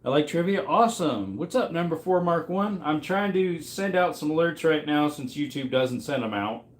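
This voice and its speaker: A man's voice: a little high, animated, moderate pace, roomy sound. A man in his mid-thirties hosting a trivia livestream, rambling casually and reacting to chat as he goes. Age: 30s. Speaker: livestream host running trivia.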